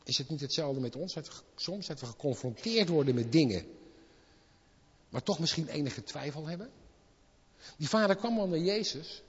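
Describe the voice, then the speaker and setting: Male preacher, impassioned sermon delivery, slightly high and husky, dull recording in an echoing church hall. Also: expressive, normal speed, pauses often. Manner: impassioned, rising to loud exclamations. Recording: lo-fi with long hall reverb.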